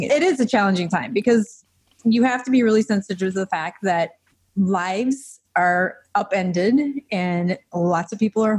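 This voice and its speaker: A woman's voice: medium pitch, a little mellow, dry recording. Chatty woman podcast co-host, dry sound. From United States. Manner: chatty, laughs easily. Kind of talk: casual podcast chat.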